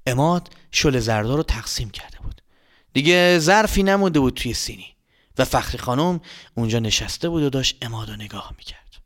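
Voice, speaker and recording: A man's voice: mid-range voice, expressive, fairly bright tone. A man narrating a children's story, speaking directly to young listeners.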